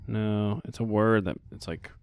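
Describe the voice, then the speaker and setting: A man's voice: lowish voice, fairly even intonation, a little mellow, clear, resonant tone, dry recording, studio quality. A man co-hosting a podcast, chatting easily about a movie and tossing in asides. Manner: easygoing, chatty, quick to add asides. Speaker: podcast co-host. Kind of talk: casual movie-commentary chat.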